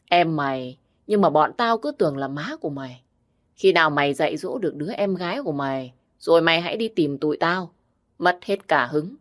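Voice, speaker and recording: A woman's voice: low voice, lively intonation, a little fast. A woman voicing idle male drinking buddies who mock and jeer. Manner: mocking, jeering.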